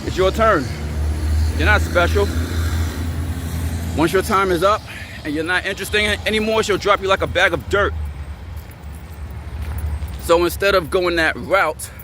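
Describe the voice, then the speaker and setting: Outdoors, with a faint hum of street and car noise behind him, a vlogger with a notably high voice gives a blunt motivational rant to camera. He is confrontational and preachy, repeating lines for emphasis, and speaks a little slowly with frequent pauses.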